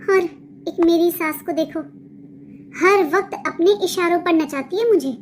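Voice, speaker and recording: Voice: extremely high pitch, unhurried, slight background noise. A voice actor playing a young daughter-in-law in a cartoon, wistfully complaining about her mother-in-law. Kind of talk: cartoon dubbing.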